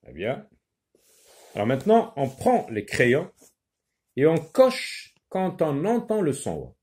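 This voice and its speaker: A man teaching a children's phonics lesson, repeating each word slowly and sometimes explaining in Arabic. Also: a little high, huge pitch swings, a little mellow. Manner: slow, repeats words syllable by syllable.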